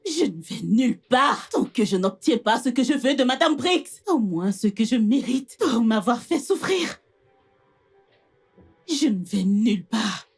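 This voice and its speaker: A woman dubbing a vengeful, obsessive woman who shouts insults and threats. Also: fairly high pitch, lively intonation, unhurried, breathy edge, soft background music, exaggerated voice. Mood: furious. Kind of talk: dubbed film acting.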